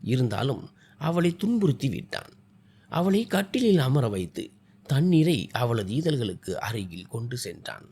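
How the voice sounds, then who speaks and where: A man's voice: mid-range voice, sing-song, unhurried, gravelly, dark tone, husky. A man narrating a scripted family drama story, reading expressively.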